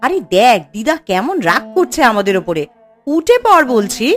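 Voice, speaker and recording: A woman voicing an eager young eldest sister in a cartoon, coaxing and hurried. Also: fairly high pitch, big pitch swings, faint music behind. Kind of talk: cartoon voice acting.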